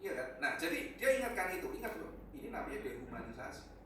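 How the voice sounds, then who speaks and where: A man's voice: big pitch swings, fast. Male pastor, casual sermon delivery, faint hiss, distant mic. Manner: conversational, sudden loud high bursts for emphasis. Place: church hall. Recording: echoey hall, distant mic, faint noise.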